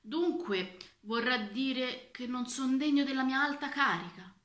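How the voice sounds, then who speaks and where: A woman's voice: sits high, measured pace, a bit bright, echoey room, voice pushed up. A woman voicing a worried, self-doubting male court official in a children's story read aloud. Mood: fretful.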